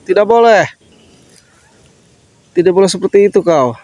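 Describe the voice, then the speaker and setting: Vlogger man from Lampung: high-pitched, dry, stern interrogator who demands answers. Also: lively intonation, normal speed, darkish tone, no echo. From Lampung, Indonesia. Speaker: vlogger confronting a stranger. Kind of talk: scolding interrogation on camera.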